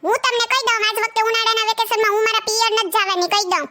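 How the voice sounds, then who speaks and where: A woman's voice: very high-pitched, fairly even intonation, very fast, bright, forceful tone. A woman playing a nagging young wife who scolds and complains sarcastically, speaking. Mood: scolding.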